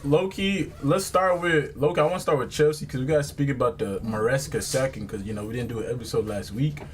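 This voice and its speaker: A man's voice: medium pitch, a little fast. A man hosting a casual football podcast, bantering in heavy urban slang. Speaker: podcast host. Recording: noisy background.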